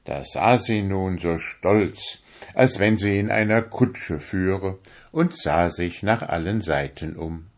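A man reading a fairy tale aloud in an unhurried, expressive storytelling manner. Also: deep voice. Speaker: reader.

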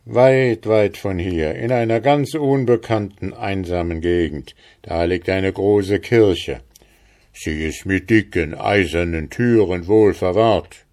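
A man doing a smug, ancient man from a storybook, low-voiced and unhurried. He speaks slowly and with full assurance, savoring every boast about his hidden heart. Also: a little mellow. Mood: assured. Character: old man who cannot die, smug. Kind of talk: fairy tale reading.

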